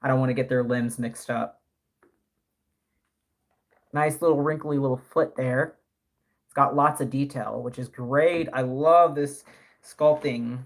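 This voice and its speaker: A man's voice: mid-range voice, fairly even intonation, unhurried, long pauses. A man in his early twenties chatting casually on a live stream, rambling with many fillers and self-corrections. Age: early 20s. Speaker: live streamer and doll artist.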